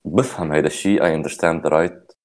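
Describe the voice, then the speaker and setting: A low-voiced man with a Lebanese accent and a dark, mellow tone speaks in casual podcast style. He moves freely between Arabic and English as he talks. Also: steady tone, brisk. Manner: mixes Arabic and English mid-sentence.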